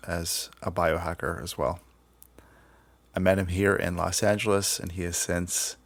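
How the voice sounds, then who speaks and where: A man hosting a podcast, talking casually in measured, sometimes hesitant phrases. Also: low-pitched, dry recording. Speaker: podcast host. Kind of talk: casual podcast introduction and conversation.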